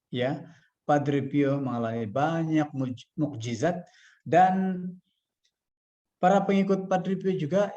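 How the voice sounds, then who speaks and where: A man's voice: a little high, a little mellow. Man from Malaysia, dull lo-fi audio. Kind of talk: devotional talk and reading a story aloud.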